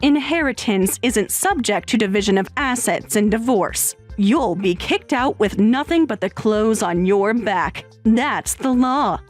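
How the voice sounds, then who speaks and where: A woman voicing a stern, scornful sister-in-law in a dramatized text story, low and measured. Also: animated, faint music behind.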